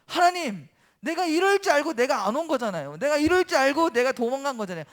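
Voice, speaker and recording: A man's voice: very high-pitched, very animated, fast, pitched above the performer's own voice. A man doing a sulking, whiny prophet. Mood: whining. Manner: whiny, complaining, petulant. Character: sulking angry prophet Jonah, adult man.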